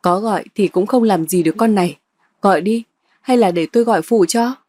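A woman reading a bold sharp-tongued young woman. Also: mid-range voice, a little fast, dry recording, studio quality, natural voice. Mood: scornful. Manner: cutting, scornful retorts.

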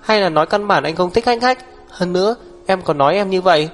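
A man voicing a sulky, tearful young woman who shouts back in shrill, defiant outbursts, in an audiobook. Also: fairly quick, big-room sound, lightly acted. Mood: tearful, indignant. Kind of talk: audiobook character voice.

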